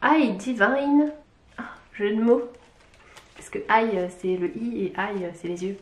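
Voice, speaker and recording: A woman from Lyon chatting casually through an unboxing, excitable and gushing, with little squeals and exclamations. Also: medium pitch, measured pace. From Lyon, France. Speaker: beauty vlogger. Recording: echoey room.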